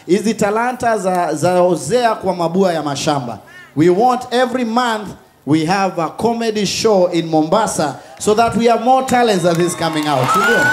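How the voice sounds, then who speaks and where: A man hosting a live comedy show, hyping the crowd loudly in a mix of languages. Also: high voice. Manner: loud, hyping the crowd, mixing Swahili and English. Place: large outdoor concert stage with cheering crowd. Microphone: handheld mic. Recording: live stage mic over music and crowd.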